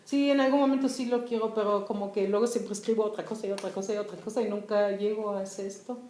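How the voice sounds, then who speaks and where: A woman's voice: medium pitch, steady tone, quick pace, mellow, a little hiss or hum. A young German-born woman, a writer with German as her first language, chatting and laughing as she tells stories at a public discussion. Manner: chatty, laughing storyteller with many fillers. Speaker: author guest. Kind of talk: casual talk at a public discussion. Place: room at a public gathering. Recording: roomy echoey venue.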